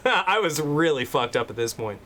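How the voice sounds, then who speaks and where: Speaking a little slowly in a slightly high, sing-song voice with some brightness, this podcast co-host sits at a desk mic in a room at home, where a faint hiss or hum comes through. His casual chat turns into a rambling, swear-filled rant, and he demonstrates his points as he talks.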